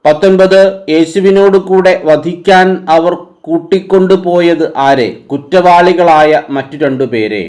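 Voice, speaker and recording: High-voiced man reading quiz questions. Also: unhurried. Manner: numbered question then lower, calmer answer. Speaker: quiz reader.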